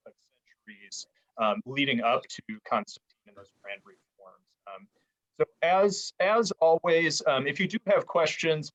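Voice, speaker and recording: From inside a church, a man teaches an online church history lecture to an adult education class over a video call. His medium-pitched voice is a bit bright but the audio sounds dull, its volume uneven and often dropping out. He's easygoing, stumbling and restarting as he goes.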